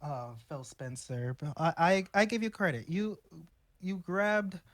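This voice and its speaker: A man's voice: sits high, lively intonation, unhurried, a bit bright. Playful male co-host, teasing, casual chat. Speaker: podcast co-host.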